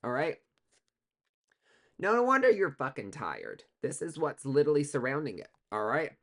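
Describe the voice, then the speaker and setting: A man giving a casual tarot reading, talking in a profane, sassy, coaching way, swinging between loud bursts and quiet asides. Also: a little high, huge pitch swings, moderate pace. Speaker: tarot reader.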